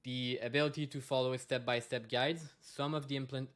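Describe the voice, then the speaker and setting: A native French speaker from Quebec, Canada, with a Québécois accent, gives a conference presentation in a mid-range, steady, slightly bright voice at a fairly quick clip. His explanations are full of fillers and restarts.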